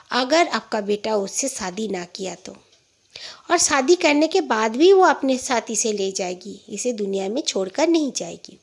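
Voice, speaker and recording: Higher-pitched woman telling a horror story. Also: gravelly. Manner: retells quoted dialogue in her own voice, with fillers and restarts. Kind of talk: casual spoken horror story.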